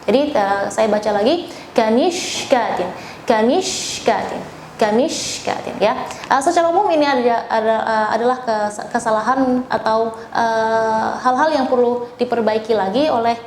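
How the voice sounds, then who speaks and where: A woman's voice: on the high side, normal speed, darkish tone. A woman with an Indonesian accent teaching Quran recitation, over-enunciating example sounds and words as she explains and demonstrates them. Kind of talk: spoken lesson with feedback and demonstrations. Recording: echoey room, faint background noise.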